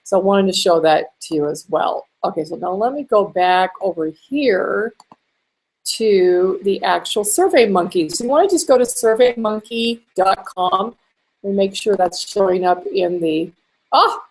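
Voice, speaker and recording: A woman walking through a screen-share marketing tutorial in a chatty way, a little hoarse and clearing her throat now and then. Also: lowish voice, a little mellow. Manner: chatty, with fillers and small laughs. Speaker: online marketing instructor.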